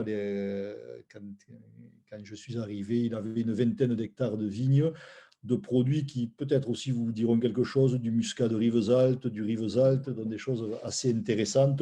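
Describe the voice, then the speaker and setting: A man in his 60s from Roussillon in southern France speaks with a mellow, mid-range voice. He's a guest and the founder of a food brand, presenting his life story informally in an anecdotal, digressive way.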